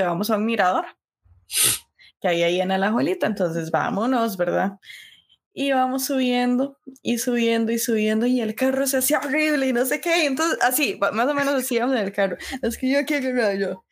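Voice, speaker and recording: Young Costa Rican woman, podcast co-host, lively storyteller. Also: fairly high pitch, a little fast. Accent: Costa Rican Spanish. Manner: animated storyteller, tag questions, laughs often. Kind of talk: casual storytelling chat.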